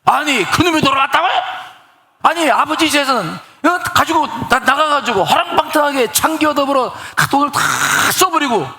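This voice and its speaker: A man voicing an indignant elder brother who shouts his grievances in exasperated bursts. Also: extremely high pitch, lively intonation, moderate pace, reverberant, pitched above the performer's own voice, full character voice.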